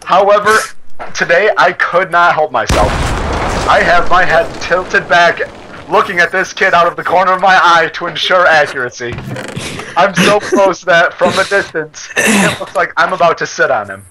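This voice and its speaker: A man's voice: high voice, moderate pace. Man reading a story in game chat. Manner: laughs and stumbles over words while reading. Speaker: story reader. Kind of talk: casual reading aloud to friends during a game. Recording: noisy game chat with gunfire. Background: game gunfire and clicks.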